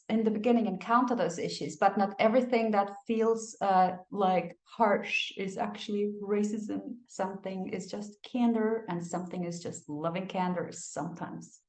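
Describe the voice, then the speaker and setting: A woman giving animated migration advice, telling stories and acting out the people she quotes. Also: mid-range voice. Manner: expressive storyteller, acts out quotes, laughs. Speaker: migration advisor. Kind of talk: animated advice talk with anecdotes. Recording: echoey room.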